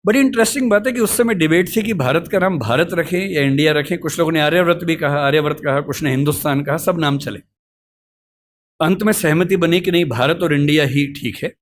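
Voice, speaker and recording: Measured middle-aged Hindi-speaking lecturer, man. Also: a little high, a little hiss or hum. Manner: calm, reasoned, storytelling asides. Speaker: lecturer answering student questions. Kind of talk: measured explanatory lecture talk. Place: college lecture hall.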